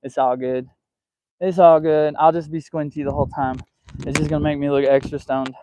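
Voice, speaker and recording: A man's voice: a little high, level tone, normal speed. A man hosting a casual live vlog outdoors on a windy trail, chatting to viewers and scolding his dog as he walks. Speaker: livestream host. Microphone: mic with a wind cover, handheld while walking. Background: wind noise.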